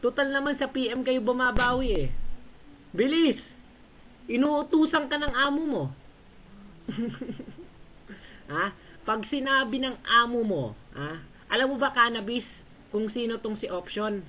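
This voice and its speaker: A man's voice: very high-pitched, unhurried, pauses often. A man trash-talking rivals in an online voice chat room, mocking them and barking short orders. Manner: taunting and bossy, repeatedly barking short orders and "ha?". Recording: tinny voice-chat line with faint hiss.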